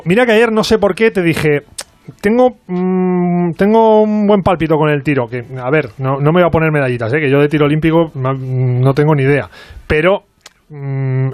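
Rapid-fire male sports radio host, dry studio. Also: fairly high pitch, no room sound. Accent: Castilian Spanish. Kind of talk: brisk radio news round-up and chat.

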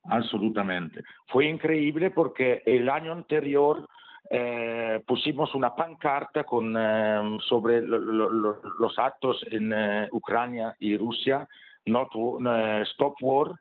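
A man's voice: medium pitch, takes it slowly. A man with an Italian accent giving interview answers in a language that is not his own, hesitant and often searching for words. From Italy, Bergamo area. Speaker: member of an amateur football club, interview guest. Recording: tinny narrow phone-like line.

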